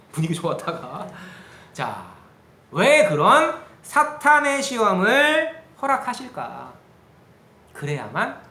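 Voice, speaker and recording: Animated man preaching in an echoey room. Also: on the high side. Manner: animated, asks the group questions, acts out quotes. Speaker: pastor. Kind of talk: sermon to a youth group.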